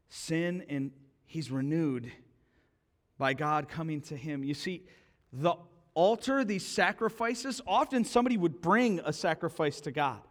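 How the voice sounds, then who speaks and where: A man preaching a sermon as pastor, telling personal stories with animated dialogue and dropping to a quiet hush for solemn points. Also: fairly high pitch. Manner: animated storytelling, acting out both sides of a quarrel.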